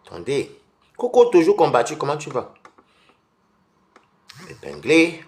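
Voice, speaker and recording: Female streamer, confrontational and mocking, very lively delivery, roomy echo. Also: mid-range voice, moderate pace. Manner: confrontational, scolding, laughs mockingly. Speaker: live streamer. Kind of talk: heated live-stream rant. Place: at home.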